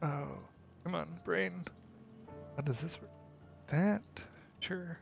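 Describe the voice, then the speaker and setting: Slow, gravelly man teasing his chat. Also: a little high, dull audio, soft background music. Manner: teasing, chatting with viewers. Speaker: streamer. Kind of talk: casual live-stream chat while building a park.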